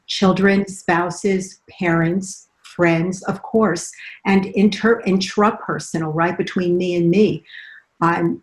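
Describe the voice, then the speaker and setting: A woman's voice: lowish voice, low-quality recording. An older woman with a Southern US accent and drawl, speaking conversationally as a psychotherapist guest in an interview. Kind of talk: conversational interview on a video call. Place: video call.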